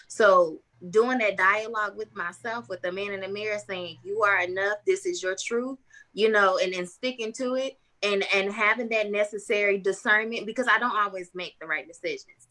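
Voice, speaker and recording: A woman's voice: medium pitch, sharp tone. A woman poet speaking candidly and reflectively on a panel, earnest and self-examining.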